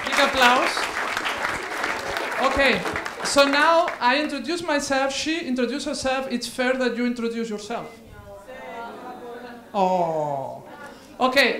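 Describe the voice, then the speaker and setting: High-voiced woman leading a workshop. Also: animated, a little slow, pauses often, a bit bright. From Spain. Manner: playful, coaxing, laughs often. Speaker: workshop leader. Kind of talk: lively workshop hosting. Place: large indoor hall with an audience. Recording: echoey hall with crowd chatter.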